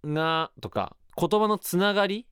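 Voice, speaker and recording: A man's voice: high-pitched, a little slow, a bit bright, clean tone, no room sound, studio quality. A man hosting his own radio show, chatting casually and musing aloud in a rambling way. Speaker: radio host. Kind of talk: casual solo radio talk.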